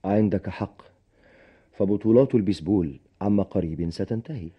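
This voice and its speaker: An actor with an Egyptian accent playing a bitter, desperate young husband in a radio drama, at times shouting in rage. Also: male voice, on the low side, moderate pace, slightly rough. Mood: consoling. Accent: Egyptian Arabic. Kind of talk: 1990s radio drama acting. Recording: dull lo-fi radio recording.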